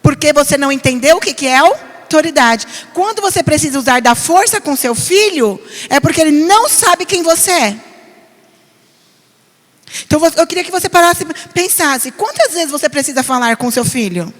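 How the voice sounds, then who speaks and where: A middle-aged woman pastor with a São Paulo Brazilian accent, teaching a parenting class in an earnest, animated way. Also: high-pitched, normal speed. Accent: Brazilian Portuguese, São Paulo. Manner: earnest, animated, mimics nagging voices. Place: church hall. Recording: long reverb of a church hall.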